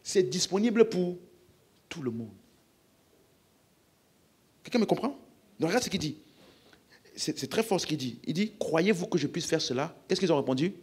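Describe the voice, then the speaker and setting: A man preaches in French-accented speech, his husky voice rising and falling with great liveliness. He fires questions at the congregation and drives his points home with emphasis. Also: fairly high pitch, expressive, moderate pace, pauses often, darkish tone. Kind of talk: healing-service sermon.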